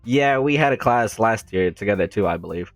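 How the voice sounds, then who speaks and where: A man's voice: on the low side, animated, fairly quick, no room sound, soft background music. A man doing a sweet girl with a Western drawl.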